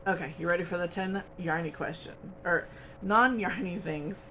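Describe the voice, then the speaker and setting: A woman hosting a crochet channel talks casually to her camera at home, wandering from point to point with plenty of ums. Her voice has a gravelly edge. A faint hiss of noise sits behind her. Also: on the low side, moderate pace, fairly bright tone. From United States. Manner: chatty, rambling, with frequent ums and little laughs.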